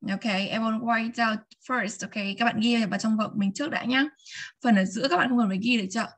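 A woman teaching vocabulary in an online class. She repeats each word slowly and keeps checking that her students are following. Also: a little high, a bit bright. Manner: models words slowly and repeats them. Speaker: English teacher. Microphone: video call.

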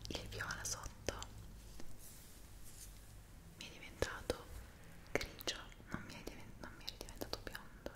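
She's in her twenties and makes ASMR content, here whispering so softly and closely that it's nearly breath. The casual chat covers her routine and moves slowly, with pauses while she looks for words. It's recorded in a small indoor space through two close side microphones in front.

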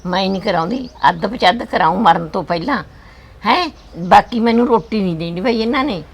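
An older woman playing a gravelly village grandmother. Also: mid-range voice, animated, a little fast. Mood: consoling. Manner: gentle, consoling. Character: frail old village grandmother, loving, worried. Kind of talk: village family drama.

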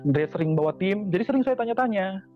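A man's voice: high-pitched, expressive, a little fast. A man giving a personal testimony to a congregation, speaking earnestly and repeating his phrases for emphasis. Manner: repetitive, earnest, heartfelt phrasing. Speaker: convert giving a church testimony. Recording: dull lo-fi recording with faint music.

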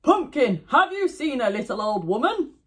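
A woman's voice: sits high, sing-song, normal speed, voice pushed up. A woman doing a hungry, grumbling tiger. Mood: grumpy.

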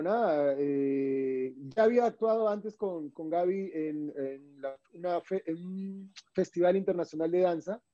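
A man's voice: fairly high pitch, highs cut off. A Peruvian man with a Peruvian Spanish accent, a guest in a casual interview, telling stories animatedly and acting out the dialogue. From Peru. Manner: animated storyteller, acts out quoted dialogue.

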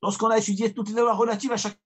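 High, husky-voiced rabbi teaching. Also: male voice, level tone, racing. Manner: emphatic, repeats key phrases. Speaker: rabbi teaching weekly Torah study. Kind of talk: Torah lesson, storytelling.

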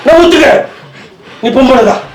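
A man goading his wife in a bickering prank skit, talking fast and nagging. His voice rings in a hard echoey kitchen. A clear hum of household noise sits under it. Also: extremely high pitch. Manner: teasing, needling, argumentative. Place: home kitchen.

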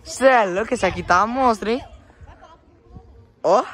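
A young man with a São Paulo Brazilian accent, chatting casually and excitably in slang to a handheld phone outdoors as he vlogs. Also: high voice, unhurried. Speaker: vlogger. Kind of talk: casual vlog chat. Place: outdoors in a residential yard. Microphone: handheld phone, held by the speaker.

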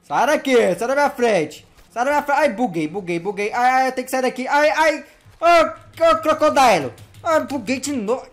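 A man giving casual gameplay commentary, slangy and playful, talking to the game's characters and getting excitable in the action. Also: extremely high pitch, fairly quick, soft background music. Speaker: gameplay youtuber.

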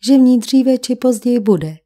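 A woman reading the lines of a calm, probing middle-aged male police commissioner in an audiobook, with measured, gentle questioning. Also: a little high, voice pushed up, close to an everyday voice. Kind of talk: audiobook character voice.

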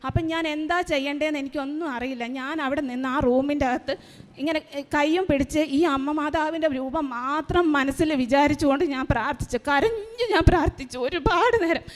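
A middle-aged woman giving a personal testimony as a mother at a shrine service, retelling events earnestly and haltingly, often restarting her words. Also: high-pitched, steady tone. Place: large church hall. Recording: long hall reverb.

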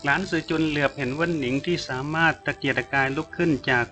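Bright-voiced male audiobook narrator. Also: a little high, steady tone, faint music behind. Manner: measured storytelling. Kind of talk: scripted narration of a novel.

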